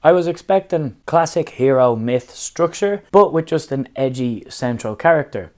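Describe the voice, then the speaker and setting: Hoarse man with a smoker's rasp. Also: mid-range voice, animated, normal speed. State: hoarse, getting over laryngitis. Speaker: book review vlogger. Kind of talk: casual scripted-outline book review to camera.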